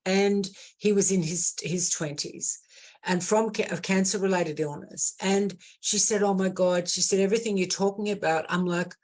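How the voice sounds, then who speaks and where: A woman's voice: medium pitch, fairly even intonation, moderate pace, darkish tone. Earnest woman telling a story. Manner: earnest, impassioned, repeats words as she builds a point. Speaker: end-of-life doula. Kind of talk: webinar storytelling.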